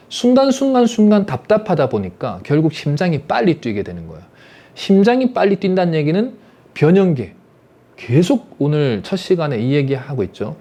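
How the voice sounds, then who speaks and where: A man's voice: fairly high pitch, dark tone. A man giving an online adult-education lecture on family psychology, often asking rhetorical questions. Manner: asks the audience rhetorical questions; acts out parents' scolding in quoted voices.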